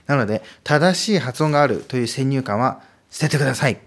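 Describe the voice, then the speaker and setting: A man talks through his points in a relaxed solo podcast, his pitch rising and dipping with lively movement. He explains in a friendly way, pausing on small fillers as he goes. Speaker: podcast host teaching Chinese. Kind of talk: casual solo podcast talk.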